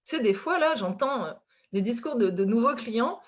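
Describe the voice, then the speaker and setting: A woman from France with a French accent, speaking as a relationship coach in a casual conversation, animated and full of fillers and restarts. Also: fairly high pitch, moderate pace. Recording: dull lo-fi sound.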